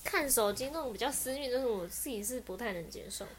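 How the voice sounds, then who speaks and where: A young woman with a Taiwanese Mandarin accent, telling childhood stories in a lively way and laughing often as podcast host. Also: fairly high pitch, quick pace, husky. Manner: animated storyteller, laughs often. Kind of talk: casual chat.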